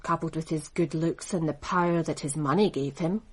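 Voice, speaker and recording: A woman with a low, slightly mellow voice speaks at normal speed, acting in a radio drama. Her character, a poised racing executive, comes across cool and cutting, with a composed, dry, crisply confident manner.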